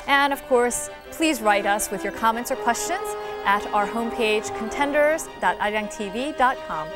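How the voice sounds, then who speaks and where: Slightly high-voiced woman hosting a quiz show. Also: animated, normal speed, loud music behind the voice, low-quality recording.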